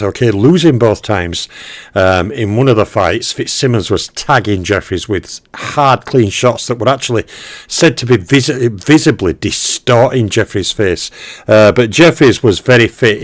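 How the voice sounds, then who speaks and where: On a boxing history channel, a Western European man greets his live chat and talks through a fighter's record in a loose, filler-heavy stat breakdown thick with ums and okays. The recording has no echo, and his voice is lowish.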